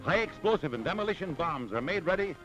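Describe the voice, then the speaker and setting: A man's voice: a little high, expressive, quick pace, dull audio. Dramatic man narrating an old newsreel. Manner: dramatic, emphatic announcing. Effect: old newsreel narration over music. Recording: vintage newsreel soundtrack with loud music.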